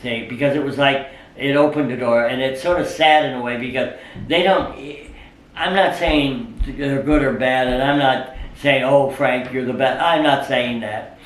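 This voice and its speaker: A man's voice: medium pitch, normal speed. Older man spinning stories, roomy distant sound. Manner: animated storyteller who acts out quoted speech, with frequent "uh" fillers. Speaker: psychic interviewee. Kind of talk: interview storytelling.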